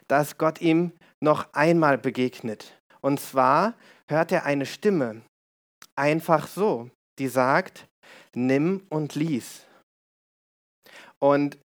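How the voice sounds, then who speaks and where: Slightly high-voiced man preaching a story. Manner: conversational, explaining, with asides to listeners. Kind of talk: storytelling sermon.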